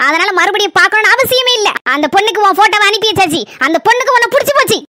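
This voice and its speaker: A headstrong village mother in a cartoon, scolding and pleading in a Kanyakumari Tamil accent, voiced by a woman. Her voice is bright and very high. She talks quickly and without pause. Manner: pleading, then domineering and scolding. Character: worried insistent village mother. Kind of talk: cartoon voice acting.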